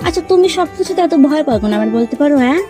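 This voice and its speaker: A young woman plays an impatient girlfriend who keeps scolding. Her voice sits very high and the lines come quick. Soft music runs underneath. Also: animated. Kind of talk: village drama acting.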